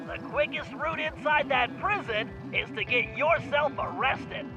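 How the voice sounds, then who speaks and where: A nerdy, eager turtle planner briefs his partner with puns in a game cutscene. His voice is very high. Game music plays underneath. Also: unhurried, poor audio. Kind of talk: video game cutscene acting.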